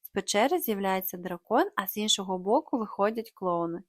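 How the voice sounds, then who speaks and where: A woman reading stage directions of a children's play in a low, quiet voice. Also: animated, a little fast, dry recording, studio quality. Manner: low, quiet, matter-of-fact. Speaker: audiobook reader.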